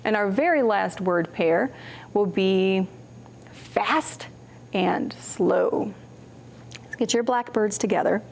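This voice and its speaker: This woman, a librarian leading children's storytime, takes it slowly with long pauses, her medium-pitched voice showing vocal fry over slight background noise. She reads picture books aloud with expression, voicing contrasts and asking the children simple questions.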